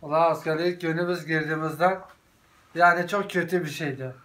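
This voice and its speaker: A man, a senior conscript, chatting casually and shouting wake-up orders at juniors. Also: on the high side, fairly even intonation, fairly quick, a little hiss or hum. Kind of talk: casual chat.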